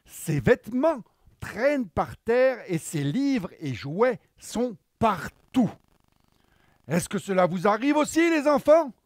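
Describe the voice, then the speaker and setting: High-voiced, slow-paced male children's storyteller. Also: sing-song, no room sound, clean studio sound.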